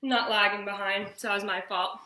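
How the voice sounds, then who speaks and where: A woman's voice: mid-range voice, fairly even intonation, brisk, pushed and bright. A woman in her thirties coaching a home workout like an aerobics instructor, encouraging and counting reps aloud, in a living room away from the mic. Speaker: fitness instructor. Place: living room with wooden floor. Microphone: camera mic from a few metres. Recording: very echoey room, distant mic.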